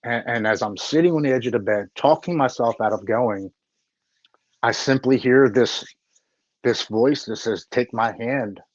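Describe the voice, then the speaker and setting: A man's voice: mid-range voice, moderate pace, dry recording. Blunt plain-spoken middle-aged man. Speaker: interview guest, recovery advocate. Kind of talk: personal story in a live interview. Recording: dull lo-fi dry sound.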